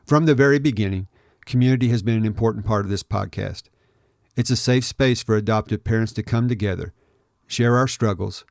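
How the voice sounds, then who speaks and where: A man's voice: medium pitch, creaky, darkish tone, no echo, studio quality. Earnest man hosting a podcast. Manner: friendly, earnest, welcoming. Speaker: podcast host. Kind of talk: podcast interview and scripted intro.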